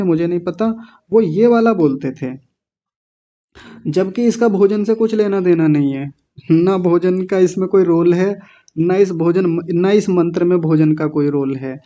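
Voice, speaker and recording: A man's voice: sits high, warm tone. A man teaching Sanskrit in an online class, sternly correcting his students and breaking words into syllables. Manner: stern, scolding students, drilling pronunciation syllable by syllable. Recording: dull lo-fi audio.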